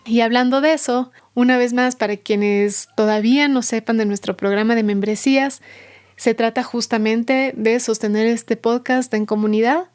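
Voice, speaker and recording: Bright-voiced woman hosting a podcast. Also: fairly high pitch, fairly even intonation, moderate pace, clean tone. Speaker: podcast host. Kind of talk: podcast intro and interview. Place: guest's home.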